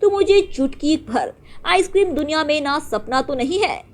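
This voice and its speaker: A woman's voice: high-pitched, animated, normal speed. A woman voicing a cheerful little girl who talks in eager, breathless exclamations. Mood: excited. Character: cheerful little girl, excited about ice cream.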